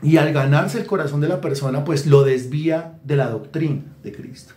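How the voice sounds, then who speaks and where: Animated preacher in an echoey room. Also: male voice, on the high side, moderate pace. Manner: animated, mimics people to make his point. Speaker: pastor. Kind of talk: sermon.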